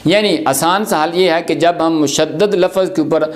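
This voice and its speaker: A man teaching Quran recitation rules, explaining patiently and repeating each example slowly. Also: on the high side. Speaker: tajweed teacher.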